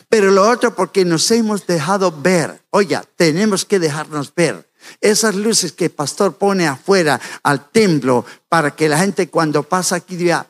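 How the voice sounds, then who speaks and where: A man giving a jokey, chatty sermon in a church, talking straight to the congregation. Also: on the high side. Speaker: church speaker. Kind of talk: humorous sermon. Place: church sanctuary.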